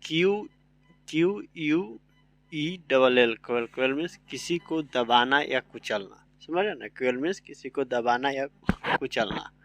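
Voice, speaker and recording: A man's voice: mid-range voice, expressive, a little slow, a bit bright, no room sound. A man, teaching a casual vocabulary lesson, chatty, spelling words out letter by letter and often checking that students follow. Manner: keeps repeating "samajh rahe na".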